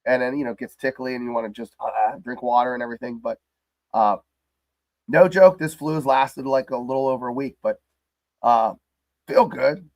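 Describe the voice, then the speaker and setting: A male host with a hoarse, crackly voice worn down by the flu. He chats loosely and jokingly about his team in a rambling livestream style. The sound is dry and close, with little room echo. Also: medium pitch, moderate pace, darkish tone. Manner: rambling and jokey. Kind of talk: casual livestream sports chat.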